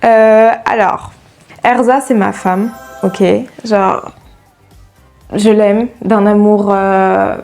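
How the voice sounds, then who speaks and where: A young woman with a French accent, chatting casually to her viewers in an animated, giggly way. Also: medium pitch, drawn-out words, faint music behind. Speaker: YouTuber. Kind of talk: casual chat to camera.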